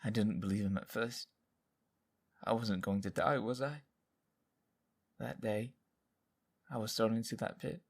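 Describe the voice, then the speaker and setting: In an audio drama, a male actor voices a haunted, loyal soldier who survived captivity, speaking in a halting, confessional way. His lowish voice is creaky with a breathy edge, and the delivery is heavily acted.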